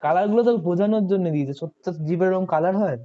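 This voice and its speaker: A tutor with a mid-range, dark-toned voice rattles along rapidly in a chatty online coaching class. They keep quizzing students, checking whether they're following and repeating "ঠিক আছে," all captured in dull lo-fi audio.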